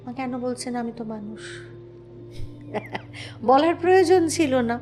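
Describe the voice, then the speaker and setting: A woman's voice: fairly high pitch, expressive, faint music behind. Woman retelling a devotional story. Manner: retells a story slowly and affirms with soft hums. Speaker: host. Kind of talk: spiritual storytelling talk.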